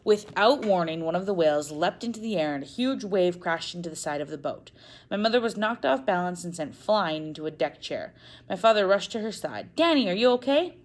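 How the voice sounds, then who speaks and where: A woman narrating a first-person novel in an expressive reading, now and then correcting a slip. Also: fairly low pitch, fairly quick. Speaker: audiobook narrator.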